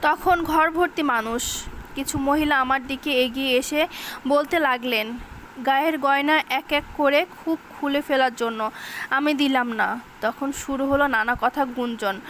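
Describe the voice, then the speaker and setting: A woman's voice: sits high, a little slow, fairly bright tone, slight background noise. A woman narrating a grief-stricken short story in an emotional audiobook reading, giving voice to the wailing characters as well.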